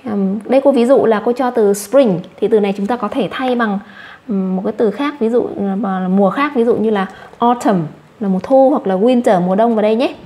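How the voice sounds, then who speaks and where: A woman's voice: a little high, mellow. Vietnamese woman teaching English words. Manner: repeats each English word slowly, then explains it. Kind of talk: vocabulary lesson for children.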